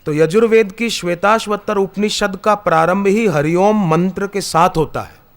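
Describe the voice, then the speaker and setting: Man, spiritual preacher, fairly high voice, storytelling discourse, emphatic rising delivery. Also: normal speed. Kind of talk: Hindi satsang discourse. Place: discourse hall before an audience.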